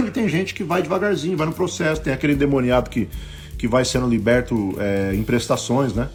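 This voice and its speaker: A bishop with a Brazilian Portuguese accent preaches a sermon on a live stream, speaking fairly quickly at medium pitch with faint music behind him. He tells stories and acts out the quoted voices in them, swinging between loud bursts and hushed asides.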